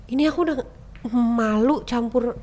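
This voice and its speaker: A woman, a podcast guest telling a personal story in a chatty, animated way and acting out the people she quotes. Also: normal speed. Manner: animated, acts out quoted people with sharp jumps in pitch and loudness; chatty, keeps addressing the host as "Mas". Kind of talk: casual storytelling chat.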